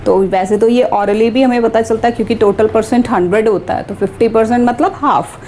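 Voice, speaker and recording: Woman math teacher, slightly high, deliberate step-by-step delivery. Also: warm tone, faint music behind. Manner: slow, deliberate explaining, mixing English terms into Hindi. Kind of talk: step-by-step classroom lesson.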